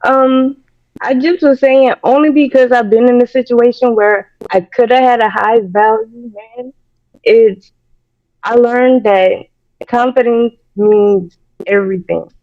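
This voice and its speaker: A woman's voice: fairly high pitch, fairly even intonation, measured pace. A woman in her thirties calling in over a muffled phone line, talking hesitantly and rambling with many fillers. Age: 30s. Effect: muffled phone-call line. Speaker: caller. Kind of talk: call-in conversation. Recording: dull lo-fi call audio.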